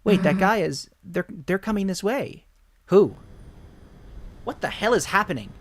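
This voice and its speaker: A man giving excitable, rambling live commentary while streaming a video game. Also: high-pitched, measured pace. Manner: excitable, rambling, exclaims often.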